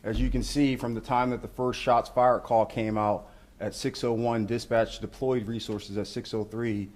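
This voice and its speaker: A man speaking as a law enforcement official, walking reporters through footage in measured, procedural language. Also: mid-range voice, fairly even intonation, darkish tone. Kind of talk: news briefing commentary on footage.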